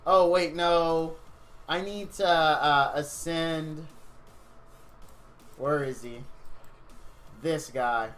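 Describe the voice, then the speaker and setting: A man's voice: mid-range voice, fairly bright tone. A tired man streaming a video game, chatting casually and rambling to his viewers. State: tired, yawning.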